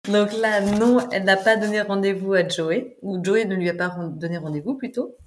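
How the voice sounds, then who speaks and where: A woman's voice: medium pitch, fairly even intonation, moderate pace, background noise. Woman co-host, casual and playful, chatty delivery. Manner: chatty and playful, translating lyrics with asides. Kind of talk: casual chat about song lyrics.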